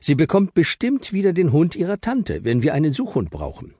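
A man's voice: a little high, wildly swooping pitch, a little fast, dark tone, no echo, clean studio sound, pitched above the performer's own voice, heavily acted. A man voicing an eager, determined little girl in a children's audiobook. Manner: pleading, eager.

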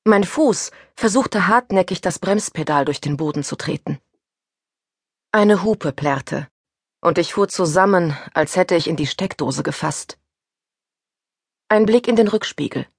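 A woman reading a first-person suspense audiobook aloud, with a husky voice that turns tense and breathless in the panic passages. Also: fairly low pitch, animated, measured pace, dry recording, clean studio sound. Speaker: audiobook narrator. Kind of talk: scripted first-person narration.

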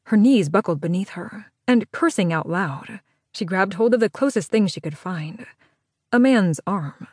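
A woman narrating a romance audiobook with smooth, even storytelling. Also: medium pitch, unhurried, dry recording, clean studio sound.

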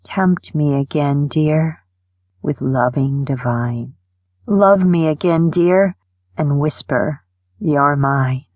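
A woman reads love poetry aloud in a slow, lingering cadence, her voice sitting a little low. It has a soft, tender manner with gentle pauses, recorded close and dry with no room sound. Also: no room sound. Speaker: audiobook narrator. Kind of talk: poetry reading.

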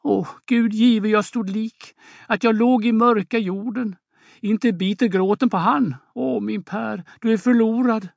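A man puts on an aging peasant mother whose voice climbs high when she scolds her son. She wails and chides in bursts of exclamation. The reading sounds close and dry, with no room around it. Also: animated, dry recording. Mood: wailing. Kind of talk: audiobook drama reading.

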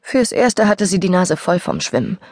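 Breathy woman narrating an audiobook. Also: fairly low pitch, very animated, normal speed, darkish tone, no echo, clean studio sound. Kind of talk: scripted narration.

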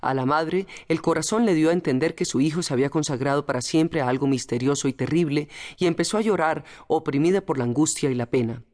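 A woman reading a novel aloud as audiobook narrator in a measured, dramatic manner. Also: low-pitched, darkish tone. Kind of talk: scripted narration.

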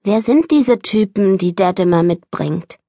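A woman's voice: medium pitch, animated, measured pace, mellow, no room sound, studio quality. A woman voicing a young boy who is defiant and upset, speaking in indignant outbursts in an audiobook. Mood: upset, pleading.

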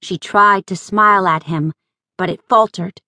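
A woman narrating an audiobook in an unhurried, measured read. The studio sound is dry and close, with no room echo, and her voice has a middle pitch. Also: fairly even intonation, bright, forceful tone.

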